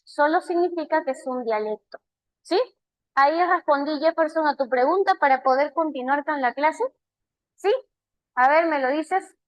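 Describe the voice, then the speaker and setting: High-voiced woman teaching a class. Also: normal speed, dry recording. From Peru. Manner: explanatory, checks understanding with frequent "right?". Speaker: language teacher. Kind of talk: live online class lecture.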